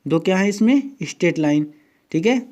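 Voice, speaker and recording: A man's voice: high voice, lively intonation, warm tone. A man teaching a coaching-class lesson at a board, walking through memory tricks step by step and often asking "theek hai" to check along. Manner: repeats "dosto" and "theek hai" often, spells out words slowly. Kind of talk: whiteboard tutorial lesson.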